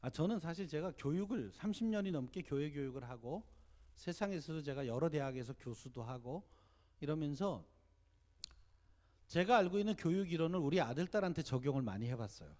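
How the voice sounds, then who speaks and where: A man in his fifties, a pastor, giving a church seminar sermon, telling animated stories and asking the audience questions. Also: a little high, brisk.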